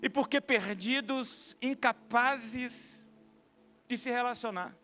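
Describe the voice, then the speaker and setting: A man in his thirties with a Brazilian Portuguese accent, preaching a sermon as a pastor and telling stories with lively acted-out voices. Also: very high voice, slow pace, soft background music. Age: 30s. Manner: animated storytelling, acting out quoted voices.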